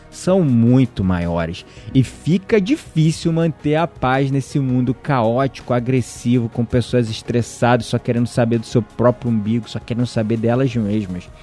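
A man telling a story in casual conversation, acting out the voices of the people in it. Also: mid-range voice. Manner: animated, acts out quoted voices.

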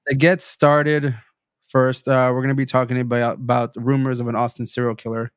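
Young male podcast host, stuffy-nosed, rambling, mid-pitched, dry mic. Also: little pitch movement, fairly quick, clean tone, no room sound. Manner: rambling with fillers and restarts. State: stuffy sinuses. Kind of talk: casual chat, reading news aloud.

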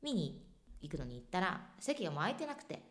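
Lively woman telling a story. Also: on the low side, fairly quick. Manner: animated, expressive storyteller. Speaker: singer, interview guest. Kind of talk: casual storytelling interview.

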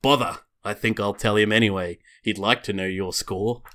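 Sneering schoolboy wizard bully , a guy reading it out in his own lowish voice, kinda drawn out. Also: fairly even intonation, moderate pace, pushed and bright. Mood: taunting. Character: sneering teenage boy wizard, a scheming bully. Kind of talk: reading a fan fiction aloud.

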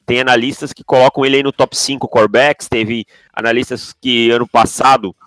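A man's voice: medium pitch, level tone, brisk, fairly bright tone, dry recording. Blunt, opinionated man, dry sound. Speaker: podcast co-host. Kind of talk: casual sports podcast analysis.

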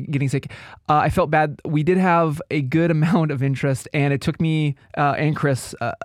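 A male podcast host talks casually in a fairly high voice. He rephrases as he goes, and the sound is dry with no room echo. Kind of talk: casual chat.

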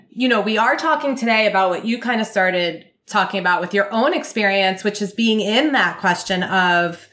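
Woman host, bright sharp voice, keeps saying yeah and exactly. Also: medium pitch. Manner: affirming, many short agreements. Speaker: podcast host. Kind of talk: casual interview chat.

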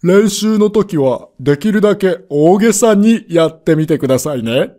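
A man's voice: sits high, animated, normal speed, dark tone. A man teaching a pronunciation lesson on a podcast, explaining step by step and sounding out letters and vowels to demonstrate them.

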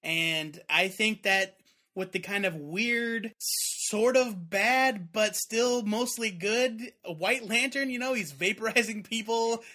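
A man's voice: sits high, takes it slowly, pushed and bright. A man co-hosting a casual comics podcast, recorded in a basement with some echo. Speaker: podcast co-host. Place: basement, indoors. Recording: basement echo, faint music behind.

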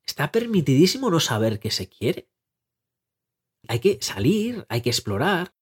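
A man with a slightly husky voice talks through a casual podcast monologue. He coaches listeners in a lively, conversational way and keeps asking rhetorical questions. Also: on the high side, a little slow. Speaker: life coach and podcast host.

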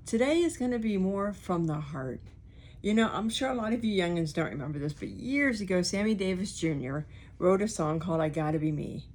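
A woman's voice: lowish voice, expressive, a little fast, darkish tone. A woman podcast host with a speech impediment on her R's and S's, talking candidly and informally in a rambling personal monologue, acting out remarks she quotes.

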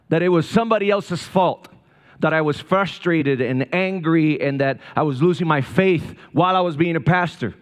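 A man from Rico, giving a sermon as a guest speaker at a church service, telling personal stories with gentle humor. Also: fairly high pitch, long reverb tail. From Puerto Rico.

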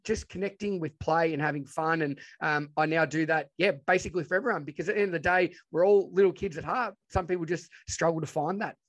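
A man's voice: on the high side, fast, hardly any pauses. A man with a broad Australian accent, chatting informally and enthusiastically as he tells stories as an interview guest. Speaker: podcast guest, educator and presenter. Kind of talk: casual interview storytelling.

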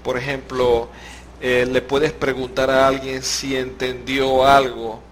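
Hosting a slow explanatory podcast, a Venezuelan man with a Venezuelan Spanish accent patiently unpacks expressions using examples and easy laughter. His medium-pitched voice moves little in pitch and comes at a slow pace, with a little hiss or hum in the background.

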